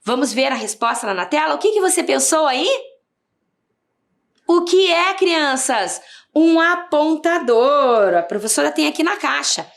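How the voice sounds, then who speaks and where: Animated Brazilian teacher spelling for kids. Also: female voice, sits high, gravelly. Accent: Brazilian Portuguese. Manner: slow, drawn-out syllables, sing-song questions to children. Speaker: primary school teacher. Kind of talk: video lesson for young children.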